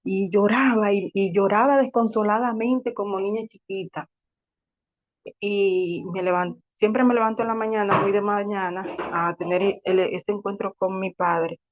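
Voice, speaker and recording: A woman's voice: mid-range voice, fairly even intonation, a little slow, dull audio. A woman sharing a personal faith testimony in an earnest, reflective way, sometimes restarting her words. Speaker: testimony speaker.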